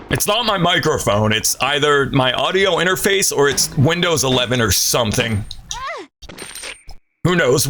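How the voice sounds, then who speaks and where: A man streaming a horror game, chatting casually and rambling with a slightly stuffy voice. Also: mid-range voice. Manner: rambling, self-deprecating chatter. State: stuffy from a cold. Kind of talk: casual gameplay commentary. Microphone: desk mic through an audio interface. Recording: static from a failing audio interface. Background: game music.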